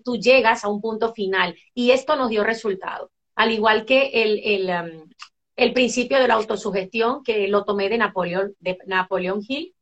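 A middle-aged Venezuelan woman talks as a guest in a relaxed interview, her voice sitting a little high. She tells her stories with animation, circling back through fillers and restarts as she goes. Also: highs cut off. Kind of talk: casual conversational interview.

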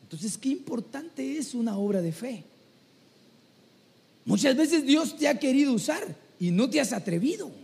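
A man's voice: sits high, gravelly, darkish tone. A man preaching a sermon, telling stories animatedly and often calling listeners brother. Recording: long hall reverb.

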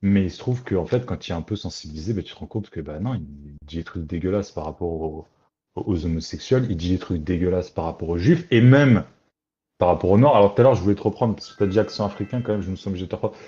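A man with a low, mellow voice talks through his thoughts in a casual discussion. He hesitates, starts over and searches for words. The recording sounds dull and lo-fi. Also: quick pace. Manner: hesitant, restarts often, thinks aloud.

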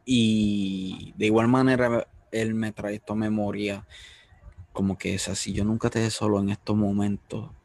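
A man's voice: lowish voice, level tone, normal speed, vocal fry, darkish tone, dry recording. A man hosting an interview, speaking in an earnest, heartfelt way about his faith. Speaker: host.

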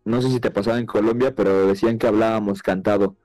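A man's voice: on the low side, fairly even intonation, quick pace, warm tone, faint music behind. Slangy young Mexican man. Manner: slangy, eager with examples. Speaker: podcast co-host. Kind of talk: casual chat.

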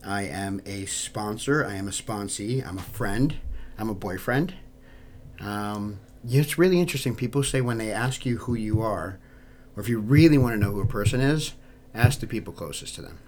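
A man's voice: fairly low pitch, lively intonation, moderate pace, darkish tone. An American man from New York hosting a podcast, talking informally to listeners in an earnest, personal and plain-spoken way. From New York, United States. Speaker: podcast host.

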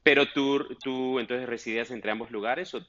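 A man's voice: medium pitch, steady tone, brisk, fairly bright tone, highs cut off. Spanish-speaking podcast host, man. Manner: friendly questioning, with filler affirmations. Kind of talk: podcast interview and ad read.

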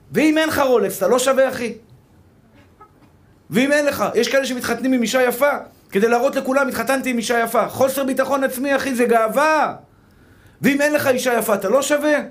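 Man rabbi with a strikingly high voice, preaching to a live audience, punchy and repetitive. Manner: emphatic, repeats rhetorical questions, calls listeners brother.

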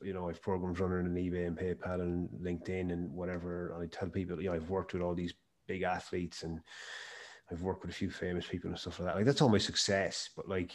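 A podcast guest from County Mayo in the west of Ireland, who speaks on health and performance, tells stories emphatically in a conversational interview. He has a low voice, a flat delivery, and a fast pace.

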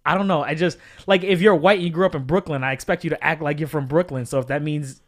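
A man's voice: fairly high pitch, fairly even intonation, fast talker. A man hosting a podcast in a casual, jokey and rambling conversational way. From Puerto Rican background. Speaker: podcast host.

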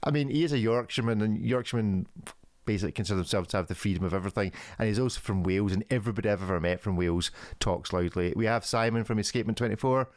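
A man's voice: on the low side, very fast, darkish tone, no echo, studio quality. A man hosting a casual podcast chat, teasing his guests and laughing often. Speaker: podcast host.

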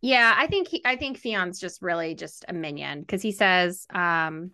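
A woman's voice: lowish voice, lively intonation, pushed and bright, clear, resonant tone. A young woman co-hosting a podcast, recapping a book in casual chat with a wry, joking manner. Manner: wry, joking, quick to laugh. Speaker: podcast co-host.

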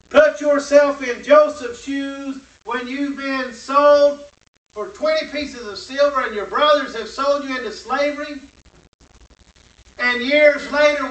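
A man teaching a Bible lesson, reading scripture aloud and adding slow, emphatic commentary with rhetorical questions. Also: very high-pitched, a bit bright. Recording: roomy echo from a distant mic.

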